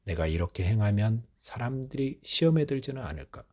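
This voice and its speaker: Guy preaching a dawn sermon at church, kinda husky, low dark voice, slow and measured. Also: lively intonation. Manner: measured preaching with rhetorical questions. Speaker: pastor. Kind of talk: early morning sermon.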